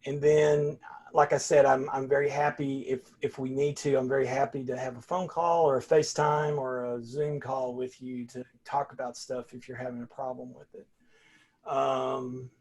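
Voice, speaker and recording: A man's voice: medium pitch, flat delivery, moderate pace, a little mellow. An older man, a college philosophy instructor talking casually to his class over a video call, folksy and rambling, often restarting his sentences.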